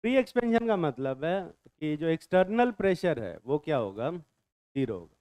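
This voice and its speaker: Man, chemistry teacher, classroom lecture, bantering quizzing, smooth clear voice, dry close sound. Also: a little high, very animated, normal speed, a little mellow, no room sound. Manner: bantering, quizzes students and answers himself.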